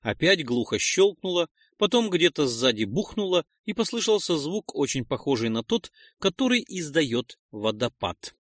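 A man narrating a first-person fantasy audiobook in an expressive, dramatic way. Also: fairly high pitch, moderate pace, few pauses, no echo, studio quality.

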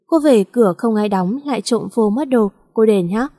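A woman's voice: a little high, moderate pace, dark tone, clean studio sound, natural voice. A woman voicing a bossy, teasing male company director who talks in a curt, mocking way. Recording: long echoing reverb.

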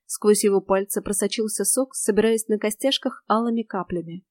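A woman narrating an audiobook in the first person, with steady, expressive storytelling. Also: mid-range voice, moderate pace, dry recording, clean studio sound.

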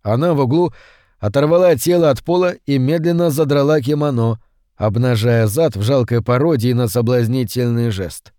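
A man narrates a horror audiobook in a steady, measured way. His voice sits at a middle pitch. The recording is close and dry. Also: no echo.

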